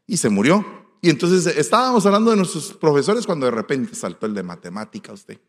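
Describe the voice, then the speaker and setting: A man with a Guatemalan Spanish accent preaching as a pastor, telling folksy stories in an animated way, swinging between soft asides and loud exclamations. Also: fairly high pitch, a little fast. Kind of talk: storytelling sermon. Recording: long hall reverb.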